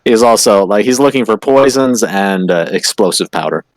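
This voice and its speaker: A man's voice: fairly low pitch, lively intonation, normal speed, dry recording, poor audio. A man describing his character's actions in a loose, casual way as a tabletop player. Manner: loose, uses "like" a lot. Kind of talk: casual play narration.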